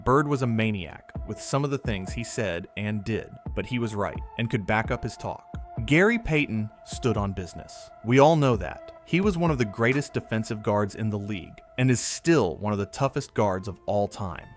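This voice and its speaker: A man giving steady, scripted narration for a sports video. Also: on the low side, normal speed, hardly any pauses, faint music behind.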